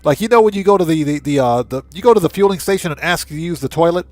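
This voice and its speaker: Hosting a casual gameplay livestream, a man fires off exclamations and emphatically repeats short phrases as he comments. His voice is a little high and fast, with no room sound.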